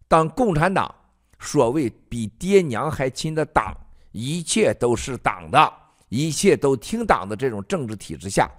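A man hosting a political livestream, ranting and mocking with emphatic delivery. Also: medium pitch. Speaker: livestream host.

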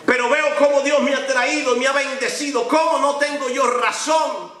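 A middle-aged man preaches with high, bright energy. He sounds from a distance in an echoey church hall. He performs the dialogue of his stories in shifting voices. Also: moderate pace. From Dominican Republic. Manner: animated preaching, acts out conversations with changing voices. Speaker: pastor. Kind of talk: sermon. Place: large church sanctuary.

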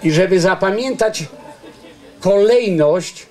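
A man's voice: high voice, takes it slowly, darkish tone. An older man giving an informal lecture outdoors into a handheld microphone, explaining earnestly and drifting off into asides and restarts. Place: outdoors under a garden tent.

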